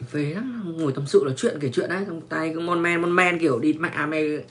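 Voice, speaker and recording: A man's voice: on the high side, brisk, fairly bright tone. A young man, telling a crude story in casual talk, swearing and stammering through repeated restarts. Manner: profane, repetitive stammering restarts, slangy. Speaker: online personality telling stories.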